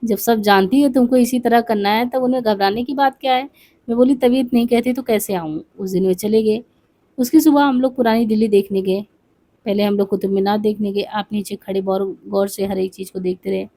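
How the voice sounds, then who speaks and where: A woman's voice: medium pitch, steady tone, a little fast, mellow. A woman reading a memoir aloud for exam study, voicing its dialogue with small asides and restarts.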